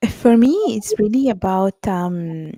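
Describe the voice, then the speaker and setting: A woman's voice: medium pitch, expressive, slow, warm tone, dry recording. A woman from Italy with an Italian accent, an author talking as a guest in a casual interview, reflective and full of "you know" and "like.".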